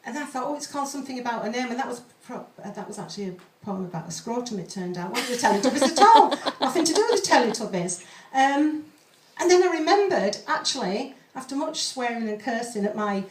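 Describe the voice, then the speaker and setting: A woman's voice: on the high side, big pitch swings, quick pace, hardly any pauses, distant mic, background noise. A woman poet chatting in a rambling, nervous, self-deprecating way to an audience as she introduces her poems at an open mic. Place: live open mic room. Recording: echoey room, off the mic.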